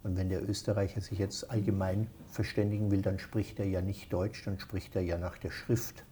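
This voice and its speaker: A man in his sixties with an Austrian accent, a guest in a casual interview who explains things at length in a relaxed, matter-of-fact way. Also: low voice, moderate pace, slight background noise. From Austria, near Vienna. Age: 60s.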